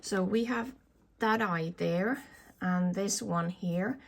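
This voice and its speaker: A woman's voice: mid-range voice, takes it slowly, gravelly, slight background noise. A woman giving a casual tour of her indoor plants, thinking aloud and often correcting herself. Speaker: hobby plant grower showing her collection. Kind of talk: casual show-and-tell video tour. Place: indoor plant growing space.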